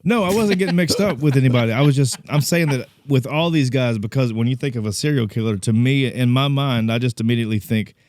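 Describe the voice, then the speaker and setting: A man's voice: mid-range voice, a little mellow, no room sound, studio quality. A man co-hosting a casual true-crime chat over drinks, thinking aloud in a rambling way. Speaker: podcast co-host.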